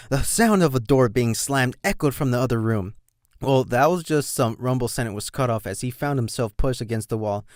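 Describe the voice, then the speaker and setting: A man narrating a fan fiction audiobook in an expressive reading style. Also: medium pitch, no echo, studio quality. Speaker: reader.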